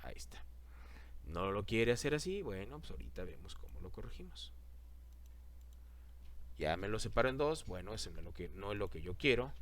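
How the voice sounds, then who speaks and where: A man's voice: lowish voice, big pitch swings, normal speed, pauses often, fairly bright tone. Guy teaching a class, walks you through every click, says it all twice. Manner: repeats steps, talks the class through each click. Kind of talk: screen-recorded software lesson.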